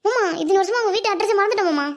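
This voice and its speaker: Someone doing a timid high young niece. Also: rapid-fire, soft background music. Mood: anxious. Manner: anxious, pleading.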